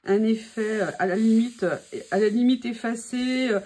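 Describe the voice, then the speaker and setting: Chatty woman with a high voice. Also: normal speed, warm tone. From France. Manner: enthusiastic, many fillers and hesitations. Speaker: crafting vlogger. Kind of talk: casual product haul chat.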